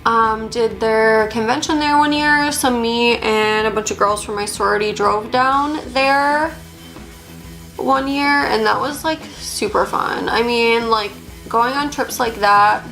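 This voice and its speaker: Woman in her twenties, casual makeup chat, raspy fry, slight lisp, music faintly behind. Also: a little high, unhurried, a bit bright, poor audio. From Upper Peninsula, Michigan. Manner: chatty, many "like" fillers. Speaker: beauty vlogger. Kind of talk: casual get-ready-with-me chat.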